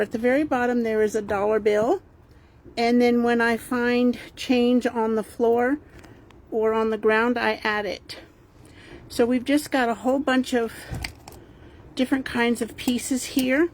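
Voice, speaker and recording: A crystal shop owner from El Paso, Texas hosts a casual, unscripted video tour of a warehouse, filming by hand and sounding chatty, meandering, and enthusiastic. Her voice is a little high with a darkish tone, and ambient background noise comes through clearly.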